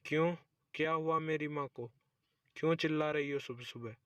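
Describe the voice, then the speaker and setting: Man doing stern young husband, cartoon story, commanding, scolds fast, dry sound. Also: a little high, steady tone, a bit bright, clear, resonant tone, no echo, natural voice. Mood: alarmed.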